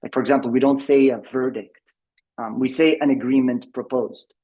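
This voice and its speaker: In a low-quality recording, a man with a medium-pitched, warm, steady voice speaks at normal speed. He's giving a conference-style tech presentation to members over a video call, frequently using fillers and restarting.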